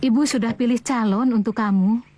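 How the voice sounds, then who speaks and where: A woman's voice: a little high, a little fast, mellow, lightly acted. A woman playing an insistent traditional mother. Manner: insistent, scolding. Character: devout traditional mother set on matchmaking. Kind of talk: TV drama acting.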